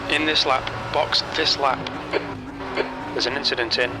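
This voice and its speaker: A terse race engineer barks short, clipped calls over a crackling car radio. The voice sits at a plain middle pitch. A steady hiss of noise runs under every word. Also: male voice, unhurried. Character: calm male pit-wall race engineer. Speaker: race engineer in a racing game. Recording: noisy radio feed.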